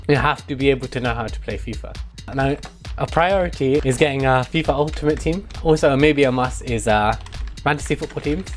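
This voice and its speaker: A young British man streaming a mock lesson to his chat in a mock-serious manner, prone to chuckling. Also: fairly high pitch.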